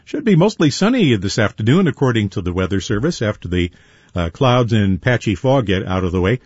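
A man's voice: fairly low pitch, big pitch swings, brisk, darkish tone, breathy edge, dry recording. A man reading station announcements, sponsor messages and the weather, heard through a tinny radio. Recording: dull lo-fi radio broadcast.

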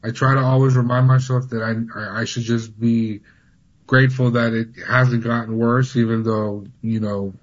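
This medium-pitched voice stays fairly flat and moves at a moderate pace, with the high frequencies cut off. He is a man in his thirties from Honduras, raised in California, giving a personal account as a news interview guest, repeatedly restarting and repeating words.

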